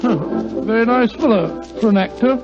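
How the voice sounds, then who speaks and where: An actor playing a fussy, bumbling English doctor and loyal sidekick with a British accent and creaky voice, in 1940s radio style. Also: male voice, extremely high pitch, moderate pace. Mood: curious. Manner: bumbling, blustery, hesitant. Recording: muffled old radio recording with music.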